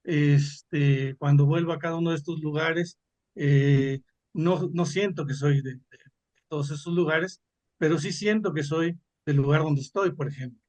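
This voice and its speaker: A man's voice: a little high, unhurried, darkish tone. A man with a Mexican accent, speaking off the cuff in a panel discussion, full of fillers and repeated words. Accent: Mexican Spanish. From Mexico (Veracruz). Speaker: panel participant, theater actor.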